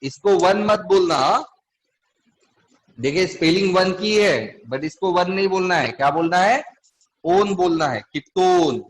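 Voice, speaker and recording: Guy teaching chem class, kinda high voice, keeps asking students stuff. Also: expressive, measured pace, low-quality recording. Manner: asks the class questions often. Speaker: chemistry teacher. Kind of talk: classroom lecture.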